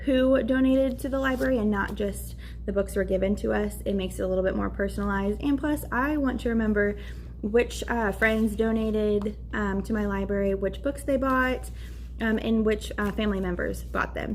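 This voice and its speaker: A woman's voice: mid-range voice, normal speed, darkish tone, a little hiss or hum. A young woman teacher in her twenties chatting casually while setting up her classroom, upbeat and full of fillers. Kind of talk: casual vlog narration.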